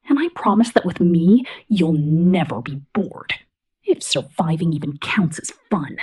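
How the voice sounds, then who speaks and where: A woman with a mid-range, slightly mellow voice whispers in the character of a menacing, breathy young female killer robot drone. In this intimate ASMR roleplay monologue, the robot is possessive and megalomaniac, yet lonely.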